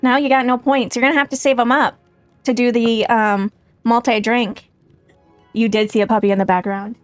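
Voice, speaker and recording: An American woman hosts a casual game livestream, chatting and thinking out loud in a self-deprecating way as she comments on gameplay. Her voice is a little high with fairly even intonation at a normal speed, recorded without echo over soft background music.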